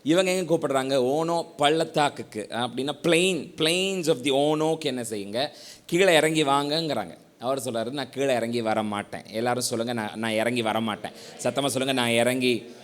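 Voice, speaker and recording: An emphatic man preaching a sermon, with a slightly high voice. He drives his points home by repeating phrases. He pauses again and again to have the listeners say his lines back aloud. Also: a bit bright. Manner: mixes in English words and phrases. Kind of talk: call-and-response sermon.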